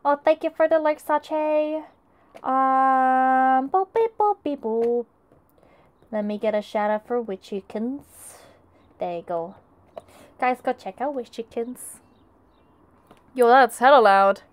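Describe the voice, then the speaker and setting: A woman's voice: sits high, slow, smooth. A young woman casually chatting with her live chat while she crafts, greeting viewers and often restarting her sentences. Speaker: arts and crafts streamer.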